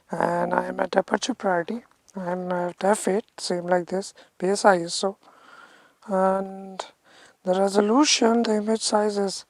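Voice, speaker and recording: A woman with a North Indian accent talking casually as a photography vlogger, haltingly thinking aloud. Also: medium pitch, gravelly, darkish tone, no echo. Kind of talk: casual vlog talk to camera.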